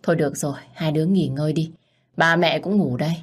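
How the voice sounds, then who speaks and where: A woman's voice: low-pitched, quick pace, slightly rough. A woman voicing a caring older mother-in-law who fusses and worries over her children. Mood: relieved. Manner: fussing, motherly.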